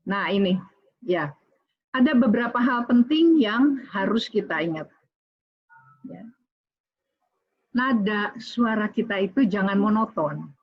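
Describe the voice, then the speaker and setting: A woman's voice: mid-range voice, lively intonation, a little slow, pauses often, slightly rough. A middle-aged woman giving an online lecture on public speaking, talking straight to her listeners, with many fillers and restarts. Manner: many fillers and restarts, addresses audience directly. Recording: slightly dull lo-fi audio.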